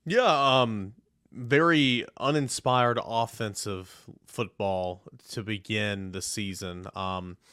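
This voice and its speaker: A man's voice: lowish voice, slow pace, pushed and bright, clear, resonant tone, dry recording, clean studio sound. A man giving casual sports commentary as a podcast panelist.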